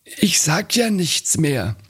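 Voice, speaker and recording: A man playing a placid middle-aged husband in a recited comedy sketch, answering in calm, terse, stubbornly mild lines. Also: fairly high pitch, takes it slowly, slightly rough, heavily acted. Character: placid middle-aged husband who just wants to sit.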